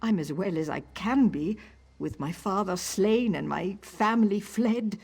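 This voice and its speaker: A woman's voice: medium pitch, a little slow, creaky, a little mellow, slightly rough. An actress voicing a worried, grieving farm wife and mother in a fantasy video game, earnest and pleading.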